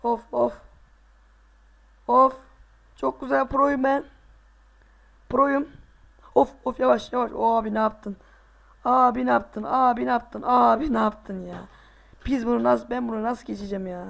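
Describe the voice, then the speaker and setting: A male gaming host giving casual let's play commentary, excitable, groaning and boasting to himself as he plays. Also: extremely high pitch, measured pace, gravelly, pauses often.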